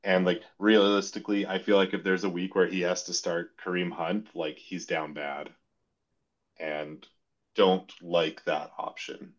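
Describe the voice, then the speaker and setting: Casting: deep-voiced podcast panelist, indecisive and wavering, muffled sound. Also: male voice, little pitch movement, measured pace. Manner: wavering, second-guessing himself. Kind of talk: casual fantasy sports chat. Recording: dull lo-fi sound.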